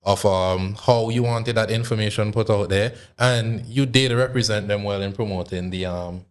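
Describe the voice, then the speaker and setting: A man hosting a casual interview, relaxed and encouraging, quick to laugh. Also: on the low side. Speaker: host.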